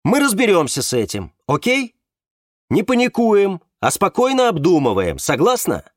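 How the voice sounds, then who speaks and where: An evasive, soothing man on a speakerphone, voiced by a male narrator. His voice rides higher than the narrator's, louder, with lively rises as he calms others. Dry, close sound. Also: moderate pace, dry recording, full character voice. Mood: firm. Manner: placating.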